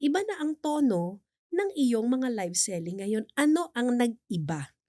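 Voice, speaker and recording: Attentive Filipino host, mellow voice. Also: female voice, fairly high pitch, sing-song, a little slow, no echo, clean studio sound. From Philippines. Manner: attentive, gently prompting. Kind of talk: faith talk show interview.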